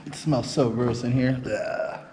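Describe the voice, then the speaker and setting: A man's voice: mid-range voice, unhurried. A man exploring an abandoned powerhouse at night, chatting casually and cracking wry jokes into a handheld camera. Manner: wry joking remarks. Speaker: urban explorer. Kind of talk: casual chat while exploring. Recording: echoey building with noise.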